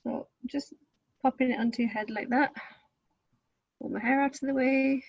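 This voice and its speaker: A woman's voice: high-pitched, fairly even intonation, normal speed, creaky, breathy edge, no echo. A woman with a Northern English accent leading a live online hijab styling class, chatty and reassuring with many ums. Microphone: video call. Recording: dull lo-fi video call audio.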